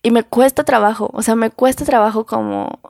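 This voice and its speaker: A woman's voice: a little high, steady tone, brisk, a little mellow, no echo, clean studio sound. A young woman with a Mexican Spanish accent talking casually and candidly, full of slang and repeated words. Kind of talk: casual conversation.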